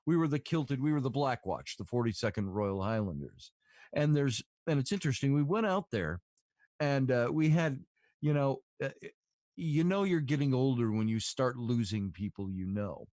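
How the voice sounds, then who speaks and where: A man's voice: mid-range voice, expressive, moderate pace, darkish tone, no echo, studio quality. A man hosting a podcast, telling long stories in a casual, rambling way with lots of fillers. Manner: rambling, filler-heavy storytelling. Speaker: podcast host. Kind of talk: casual storytelling chat.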